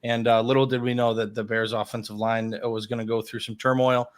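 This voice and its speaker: A man's voice: medium pitch, little pitch movement, fairly quick. A man hosting a casual sports podcast, upbeat and chatty, laughing easily with his co-host.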